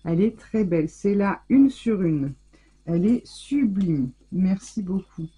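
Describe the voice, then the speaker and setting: Gushing woman with a dark husky voice. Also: medium pitch, expressive, unhurried, low-quality recording. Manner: effusive, gushing over handmade gifts. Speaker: scrapbooking channel host. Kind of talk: casual mail-opening vlog.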